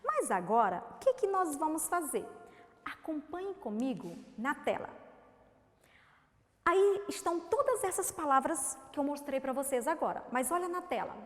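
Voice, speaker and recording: A woman's voice: high voice, big pitch swings, normal speed, echoey room, big-room sound. A woman teacher with a Brazilian accent, giving a lesson to young children and coaxing them with questions. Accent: Brazilian Portuguese. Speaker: primary school teacher. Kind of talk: remote class lesson for children.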